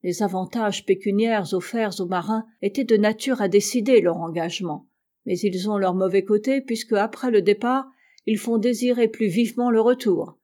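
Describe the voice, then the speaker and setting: A woman's voice: medium pitch, normal speed, mellow, lightly acted. A woman reading the lines of a proud, stern male ship captain in an audiobook, curt and severe. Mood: stern, bitter.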